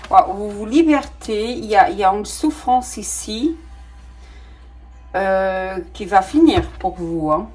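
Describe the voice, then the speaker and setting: With a non-native French accent and a medium-pitched voice, a middle-aged tarot reader works through a casual session. She is hesitant and leans on fillers, breaking into delighted exclamations at the cards.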